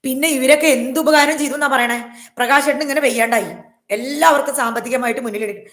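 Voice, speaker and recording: In an echoey room, a woman YouTuber speaks straight to her viewers in a personal vlog, her voice high-pitched and quick. She sounds emphatic and aggrieved, repeating her points.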